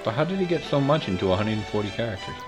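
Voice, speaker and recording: A man's voice: on the low side, big pitch swings, very fast, over music. A man co-hosting a podcast, chatting casually and dropping dry quips. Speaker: podcast co-host.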